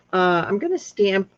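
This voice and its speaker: A woman with a thin, squeaky, reedy voice casually hosting a hands-on craft demonstration, thinking aloud as she goes. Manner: unhurried, thinking aloud with pauses. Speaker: craft tutorial host. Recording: dull lo-fi sound.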